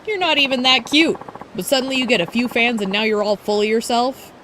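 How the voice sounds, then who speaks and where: A woman's voice: fairly high pitch, fairly quick, fairly bright tone, slight background noise, pitched above the performer's own voice, lightly acted. Woman putting on Ulala, a haughty bratty idol. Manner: haughty, taunting and boastful. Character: bratty, arrogant young female rival idol.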